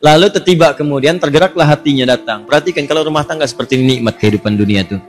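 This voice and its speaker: A man preaching a storytelling sermon, animated and asking his audience questions. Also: on the high side, racing.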